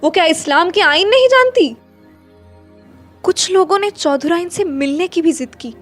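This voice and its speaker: At a normal speed and with lively intonation, a high-voiced woman gives a dramatic narration of literary fiction while faint music plays underneath.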